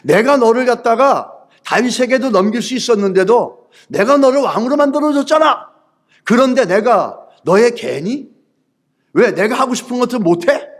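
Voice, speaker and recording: Scheming, indignant ancient general, high male voice, blustering scolds, acted by a pastor. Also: lively intonation, normal speed.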